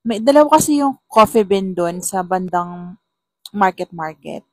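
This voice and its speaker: A woman's voice: medium pitch, expressive, unhurried, no echo. Young woman vlogging, chatty storytime, gets all exasperated, dry close sound. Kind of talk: casual storytelling vlog.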